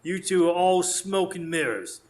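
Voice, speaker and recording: A man acts out a cocky police inspector in a radio drama. He sneers bluntly and sarcastically in a fairly high male voice. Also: expressive, measured pace, darkish tone. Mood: scornful. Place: small theatre stage, recorded live in front of an audience.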